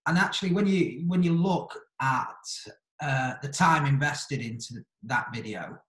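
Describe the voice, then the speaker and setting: A man talking casually on a podcast in a thoughtful, halting way, rephrasing as he goes, in an echoey room. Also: mid-range voice, a bit bright.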